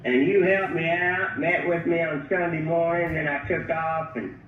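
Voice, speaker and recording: A man, talking casually over a phone on speaker, halting with many pauses and restarts. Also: a little high, fairly even intonation, recorded from a distance, slight background noise. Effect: heard over a phone on speaker. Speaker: customer on a phone call. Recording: tinny speakerphone from across an echoey room.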